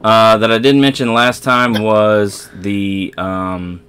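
A man with a low voice hosts a casual let's play, talking straight to his viewers as he plays. He rambles and corrects himself mid-sentence, filling gaps with easygoing chatter. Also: little pitch movement, slow, fairly bright tone, clear, resonant tone. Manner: rambling, self-correcting, talks to viewers while playing. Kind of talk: casual gameplay commentary.

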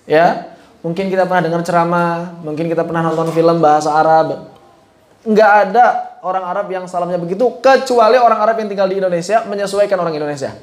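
A man teaching a Quran recitation class in a relaxed, conversational way, often putting questions to his students. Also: sits high, quick pace, reverberant. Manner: asks the class questions, mixes casual speech with chanted Arabic. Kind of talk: informal religious lesson.

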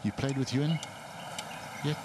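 A man's voice: mid-range voice, steady tone, moderate pace. Conversational male golf commentator, outdoor noise. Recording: clear outdoor broadcast background noise.

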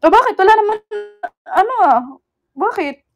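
A young woman with a high, bright-sounding voice chats on a livestream, teasing viewers and thanking them. She mixes in English, jokes around and breaks into laughs. It sounds like a phone or webcam mic. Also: lively intonation, normal speed, faint music behind. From Philippines. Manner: playful teasing, code-switching with English, frequent laughter. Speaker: idol livestream host. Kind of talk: casual livestream chat with viewers.

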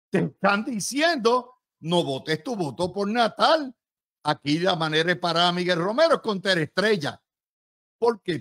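A man's voice: high-pitched, a bit bright. A man with a Puerto Rican accent giving emphatic, combative and sarcastic political commentary as an analyst.

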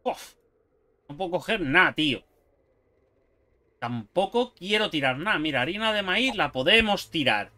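A man's voice: fairly high pitch, normal speed, pauses often. A young man with a Spain Spanish accent giving casual let's-play commentary, swearing and chatting to himself as he plays. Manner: lively, swearing, talking to himself and the game. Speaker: gameplay YouTuber.

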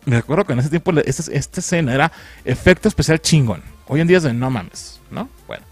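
A man's voice: a little high, fast talker, no echo, soft background music. A man with a Mexican accent giving a crude, mocking, slang-filled comedic film recap. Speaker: film critic.

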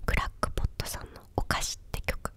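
A young woman chatting casually in a soft, breathy ASMR whisper, close to a desktop microphone in a small room. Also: fast talker. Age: young adult. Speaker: ASMR video creator. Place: small quiet indoor room with a bed or sofa. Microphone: desktop condenser microphone, close up.

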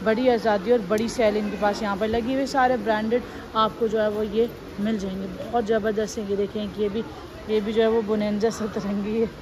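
Recorded amid noisy store ambience, a woman vlogger walks through a large, busy indoor clothing warehouse, showing off the stock. Her medium-pitched voice is flat and fairly quick, though her talk stays upbeat and she repeats fillers throughout this shopping walkthrough.

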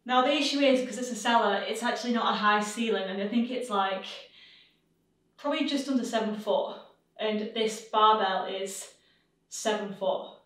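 A young woman, a personal trainer and vlogger, chats casually and laughs while building a home gym in a basement with bare brick walls, swearing under her breath as she works. Her medium-pitched voice moves at a normal speed and is a bit bright. The camera sits on a tripod across the echoey room, so she sounds far off, with light music playing.

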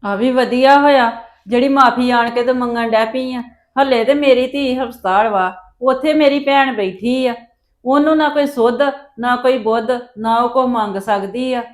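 High-voiced indignant woman. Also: normal speed. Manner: indignant, accusing. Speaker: mother of the hospitalised daughter. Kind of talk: scripted village family drama.

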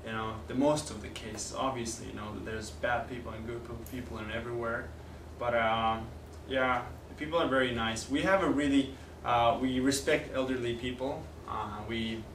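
In a noisy, echoing classroom with a whiteboard, a young adult language teacher from Kazakhstan records a video lesson on a distant camera. A native Kazakh speaker with an accent, he has a bit of a bright mid-range voice with fairly even intonation and a moderate pace with few pauses. He speaks casually and hesitantly, with lots of fillers and restarts.

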